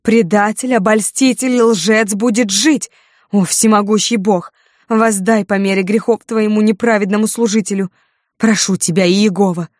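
A dying young woman who wails and curses in a high, strained voice, as a woman narrator puts her on. Her outbursts come slow and heavy, dark in tone and set against a dry, close studio sound. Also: no echo. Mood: frenzied. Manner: wailing, high and loud.

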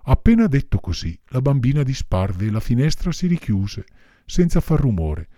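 A man reads a classic children's story aloud as an audiobook narrator, his medium-pitched voice warm and sing-song at a moderate pace. His delivery is dramatic and varied, and the recording is dry and studio quality.

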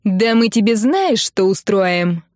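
A rude young woman hurls insults and threats down the phone in a coarse, yelling voice, dragging her words out slowly and heavily. A woman reader puts her on in a dry, close audiobook recording. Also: mid-range voice, sing-song, dry recording. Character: rude, furious young woman prank caller. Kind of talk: audiobook character voice.

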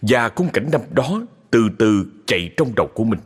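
A man narrating a sad ghost story in a slow, dramatic storytelling manner. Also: on the low side, lively intonation, husky. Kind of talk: scripted horror story narration. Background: music.

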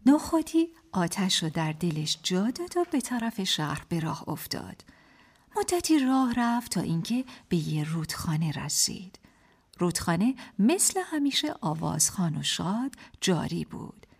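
A woman narrating a fairy tale in a radio play, in a lively storybook manner. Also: fairly low pitch, slightly rough.

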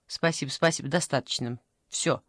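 A woman's voice: very deep voice, normal speed, a bit bright, dry recording, full character voice. A woman voicing a flustered, complaining elderly grandmother in an audiobook, stammering and fretful, with a dry close sound. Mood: weary refusing. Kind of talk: audiobook character voice.

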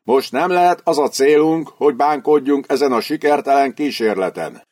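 A man's voice: medium pitch, a little mellow, voice pushed up, natural voice. A male narrator voicing a cold, scheming army lieutenant who reports to his colonel in stiff military formality. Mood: coldly urging. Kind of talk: audiobook character voice.

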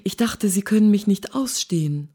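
A woman's voice: mid-range voice, animated, moderate pace, warm tone, slightly rough, voice pushed up. Woman reading as a frightened young female journalist. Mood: whispering. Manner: tense, hiding fear, whispering at times.

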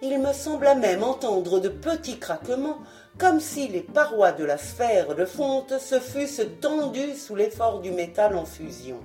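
A woman narrating a novel in an expressive, dramatic audiobook reading. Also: on the high side, a little slow, faint music behind. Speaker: audiobook reader. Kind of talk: scripted narration.

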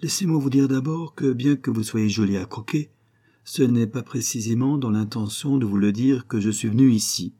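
A man reading aloud plays a self-assured young dandy who speaks with composure and quiet command. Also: medium pitch, normal speed, breathy edge, natural voice.

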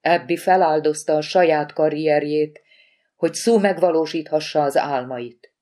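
Using a low, natural voice, a woman reading an audiobook plays a sharp and irritated wife in charge of a medical examiner's office. She speaks in a clipped, reproachful way.

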